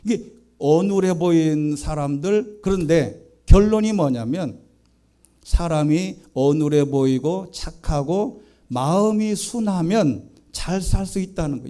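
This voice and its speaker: Male pastor, middle-aged, sermon, high voice, mellow tone, earnest, call-and-repeat. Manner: earnest preaching, leads congregation in repeating phrases.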